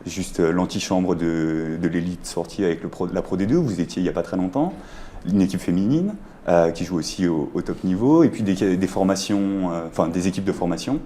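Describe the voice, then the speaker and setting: Dark-voiced male radio host. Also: low-pitched, animated, fairly quick, a little hiss or hum. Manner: prompting, often finishes guests' sentences. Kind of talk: radio interview.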